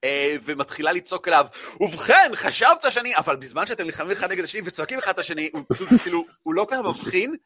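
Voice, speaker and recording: A man running a tabletop game as game master, narrating with many fillers and lively storytelling. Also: on the high side, few pauses, slightly rough.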